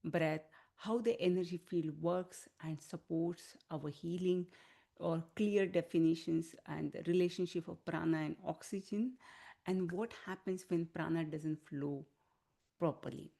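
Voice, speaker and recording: A woman leading an online wellness class as a healing teacher, giving soothing, unhurried instruction. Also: on the low side, fairly even intonation, creaky, mellow. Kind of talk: online wellness class talk with guided relaxation.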